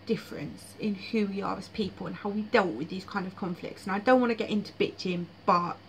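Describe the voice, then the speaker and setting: A woman's voice: mid-range voice, a little fast, a little hiss or hum, rough recording. A woman vlogging about her dreams in casual, frank, blunt monologue with frequent fillers.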